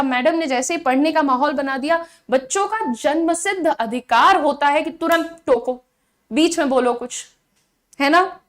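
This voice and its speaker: A woman teaching a spoken-English class online. She says English model sentences slowly and clearly, explains them in Hindi, and sometimes mimics chattering students. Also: a bit bright. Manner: acts out chattering students in a quick high voice.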